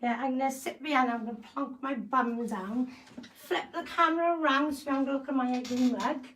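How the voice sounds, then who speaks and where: Female ghost-hunt streamer, Welsh Valleys accent, high pitch, casual, blunt and self-deprecating. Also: fairly even intonation, a little fast, a bit bright, poor audio. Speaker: ghost hunter live-streamer. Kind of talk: casual live-stream chat and calling out to spirits.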